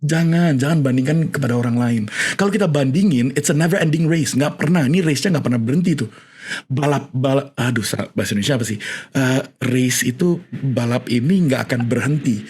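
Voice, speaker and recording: Man, husky voice, medium pitch, podcast guest, animated storytelling. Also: fairly quick. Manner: mixes English phrases into his talk, animated, laughs often. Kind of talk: conversational storytelling and advice.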